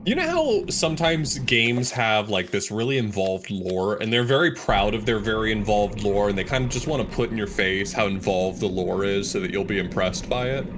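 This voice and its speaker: Chatty male co-streamer, animated, some noise behind. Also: fairly low pitch, moderate pace, few pauses. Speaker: guest co-streamer. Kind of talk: casual gameplay chat. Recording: noisy background.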